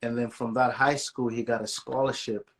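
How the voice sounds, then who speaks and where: Casting: relaxed male guest from Malawi, forties, easygoing storyteller, mid-range voice. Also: mid-range voice, normal speed. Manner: relaxed, says "man" and "yeah" often. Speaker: guest, musician and speaker. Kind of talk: casual storytelling interview.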